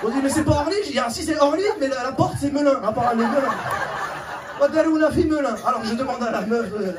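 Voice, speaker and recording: A man's voice: very high voice, quick pace, noisy background. A man doing stand-up comedy, telling a story chattily and acting out the people in it. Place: comedy club stage. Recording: far-off mic, roomy hall with loud crowd. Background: audience laughter.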